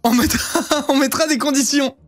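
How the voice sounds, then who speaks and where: A man in his thirties with a very high voice speaks at a moderate pace with fairly even intonation. As a streamer showing off his purchases, he rambles casually, swearing freely and using crude slang and lots of fillers.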